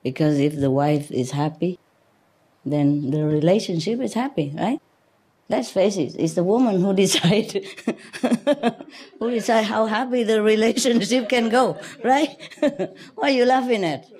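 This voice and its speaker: A middle-aged woman, a spiritual teacher, speaks in a medium-pitched, darkish, unhurried voice. She talks informally to a seated audience in a hall through a desk mic on a stand, chatty and laughing often, frequently restarting her sentences. The setting is a room with paper screens.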